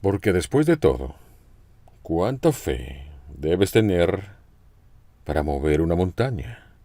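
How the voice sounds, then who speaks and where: Male preacher, deep and animated, expressive sermon delivery, dry close recording. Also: takes it slowly, no room sound. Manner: expressive storytelling with questions to listeners.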